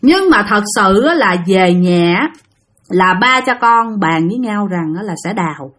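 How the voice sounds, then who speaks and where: Using a Southern Vietnamese accent, a woman narrates a ghost story in a chatty way, speaking directly to her listeners. Her mid-range, fairly bright voice has lively intonation and a slightly slow pace.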